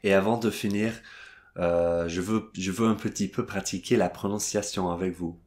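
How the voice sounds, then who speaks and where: A man's voice: low-pitched, steady tone, normal speed, darkish tone. An Englishman speaking French as a second language, teaching English phrases in a hesitant way, with many fillers and restarts. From England. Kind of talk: video language lesson.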